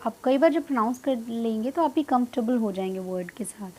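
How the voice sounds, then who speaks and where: High-voiced woman teaching pronunciation. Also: animated, darkish tone. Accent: Indian English. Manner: slow, drawn-out model words, repeated for learners; mixes Hindi with English phrases. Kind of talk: spoken language lesson.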